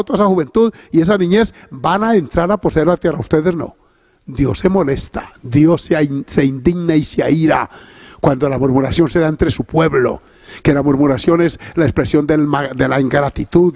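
A man preaching a sermon with a gravelly, somewhat high voice. He delivers it with emphatic force and keeps breaking in with praise. The recording is close and dry. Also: a little mellow, no echo. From Colombia. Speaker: pastor.

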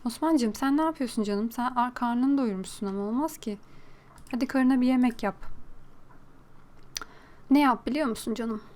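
A woman giving casual, teasing commentary while playing a life-simulation game, reacting lively to what happens. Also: fairly high pitch, normal speed, pauses often. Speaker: gaming video creator.

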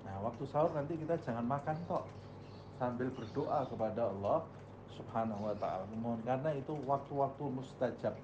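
A man's voice: mid-range voice, fairly quick, dull audio, noisy background. A male Islamic teacher giving a religious study lecture, posing questions to the audience and answering them himself.

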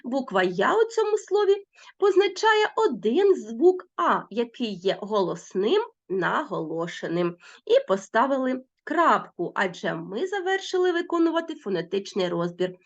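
A woman's voice: fairly high pitch, sing-song, normal speed, dull audio. A woman teacher explaining a school lesson step by step, with playful asides.

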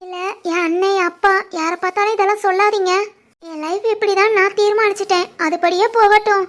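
A sorrowful young bride in a family cartoon who pleads slowly and quietly. Her voice is very high and bright. She sounds resigned. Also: fairly even intonation.

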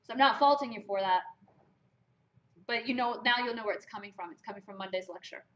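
Fast and a bit bright, with a fairly high pitch, this German math lecturer drives her classroom lecture with emphasis and rhetorical questions to the students. The recording is a lo-fi lecture capture.

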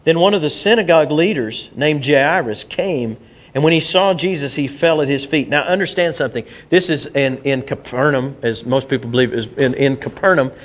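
A man's voice: mid-range voice, moderate pace. A male pastor, preaching a conversational sermon to his church, often restarting and repeating words as he goes.

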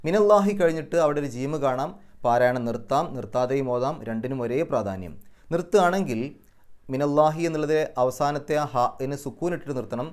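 A man teaching Quran recitation rules and Arabic grammar, explaining patiently step by step and chanting verses slowly, with a Malayali accent. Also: mid-range voice, lively intonation, darkish tone.

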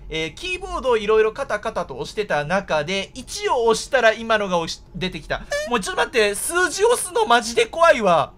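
A man giving excited horror game commentary, exclaiming in a startled way and often repeating his words. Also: high voice, fast talker, hardly any pauses. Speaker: gameplay commentator.

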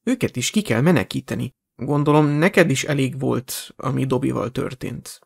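A man's voice: creaky, husky, no room sound, clean studio sound. A man voicing a blunt, loyal teenage boy in an audiobook. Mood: serious. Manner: serious, low-key.

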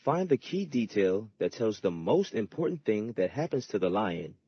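A man's voice: on the low side, sing-song, moderate pace, breathy edge, dry recording, dull audio. A man giving patient, scripted narration in an educational reading lesson. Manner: patient, instructive.

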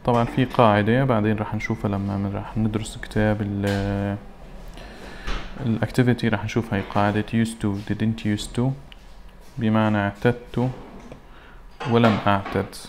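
A man teaching an English lesson. He reads English words slowly and then translates them. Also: fairly low pitch, level tone, a little mellow, a little hiss or hum. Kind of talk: recorded classroom lesson.

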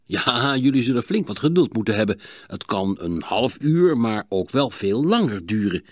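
A man reading an audiobook voices a patient, clever doctor in a raised, instructive tone with a lively voice. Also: fairly low pitch, moderate pace, dry recording, clean studio sound. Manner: calm, instructive, raised and bright.

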